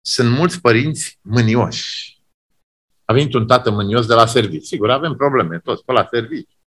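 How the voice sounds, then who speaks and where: A man with a husky, mid-range voice preaches a sermon, swinging from loud exclamations to hushed emphasis and repeating key phrases.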